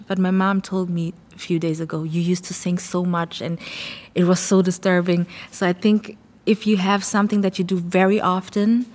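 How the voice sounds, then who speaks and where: Recorded in a large hall, a young singer-songwriter from Germany speaks in a medium-pitched, slightly mellow voice. She responds to interview questions with earnest thought, pausing to find the right words.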